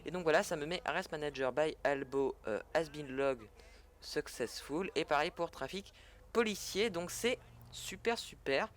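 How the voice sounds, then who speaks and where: A man's voice: a little high, moderate pace. Casual French-speaking man narrating gameplay. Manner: chatty, self-correcting, fillers. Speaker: gaming tutorial creator. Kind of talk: casual gameplay tutorial commentary.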